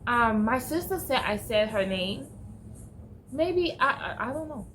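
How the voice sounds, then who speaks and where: A middle-aged woman shares a personal story in a vlog, speaking very slowly with a slightly high voice. She pauses, restarts and searches for her words. A faint hiss of background noise sits behind her. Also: expressive, a bit bright, poor audio. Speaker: vlogger.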